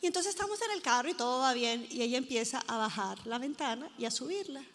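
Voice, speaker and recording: A woman pastor preaching at a conference, telling stories with lively, acted-out quotes. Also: high-pitched, quick pace. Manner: lively storytelling, acting out quoted people. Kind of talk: sermon. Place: conference hall before a live audience. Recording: echoey conference hall.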